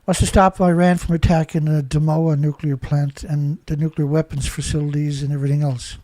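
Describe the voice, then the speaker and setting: Stuffed up and indignant, a Canadian man hosts his own news commentary, rambling and peppering it with rhetorical questions. He speaks a little fast, in a mellow voice that sits fairly high for a man and has little pitch movement. The recording is dry and close, with no room sound.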